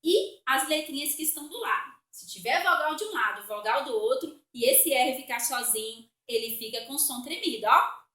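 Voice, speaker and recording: A Brazilian woman teacher with a bright, high voice gives a spelling lesson for children. She is patient, goes slowly and repeats each word to explain it. The room around her is echoey. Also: animated. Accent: Brazilian Portuguese.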